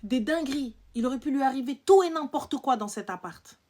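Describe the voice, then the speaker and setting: A young woman with a high voice delivers a heated live-stream rant. She scolds her audience, fires off rhetorical questions and lurches between loud outbursts and low muttering. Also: expressive, a little fast. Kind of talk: ranting live-stream monologue.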